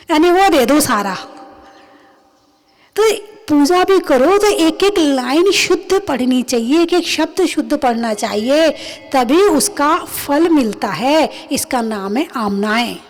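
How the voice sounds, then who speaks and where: A woman, a Jain nun, giving a sermon, speaking emphatically and asking and answering her own questions. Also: high voice. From India. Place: recorded during a religious discourse.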